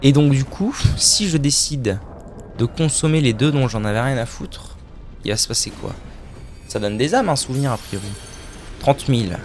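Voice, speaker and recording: A man's voice: mid-range voice, lively intonation, normal speed, soft background music. A man streaming a video game live, chatting casually with his viewers, joking and swearing as he plays. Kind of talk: live gameplay commentary.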